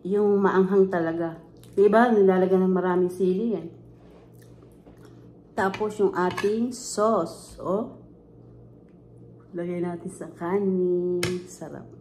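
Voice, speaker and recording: A woman's voice: mid-range voice, mellow, a little hiss or hum. A Filipino woman hosts a casual eating show in a mid-range voice. She talks while chewing, chatting informally to viewers as she goes through her meal. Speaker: mukbang host.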